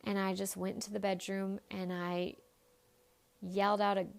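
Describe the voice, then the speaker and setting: A woman in her thirties, a podcast host, telling a personal story in a candid, expressive way and swearing freely. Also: medium pitch, normal speed, gravelly.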